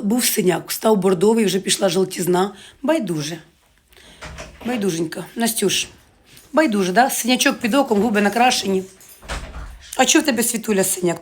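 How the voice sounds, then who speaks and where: Fast-chatting woman vlogger. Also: mid-range voice, slightly rough. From Ukraine. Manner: chatty, joking, addresses viewers as girls. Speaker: market vlogger. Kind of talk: casual live chat to viewers.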